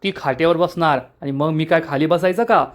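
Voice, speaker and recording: A man's voice: fairly high pitch, a little fast, close to an everyday voice. A man doing an irritable fish-seller woman. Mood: annoyed.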